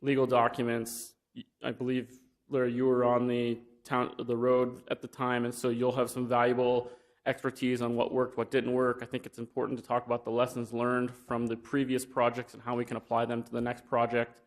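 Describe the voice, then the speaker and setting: In a county commission meeting room, a young wind energy business developer gives an informal presentation. His medium-pitched voice is completely flat and brisk, and he talks plainly with many fillers and restarts.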